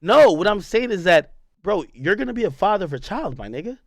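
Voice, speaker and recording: Man, young adult, high pitch, heated arguing, interrupting, repetitive, dry. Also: a little fast, no echo. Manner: animated, interrupting, repeats himself. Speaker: streamer confronting a podcast host. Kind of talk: heated argument.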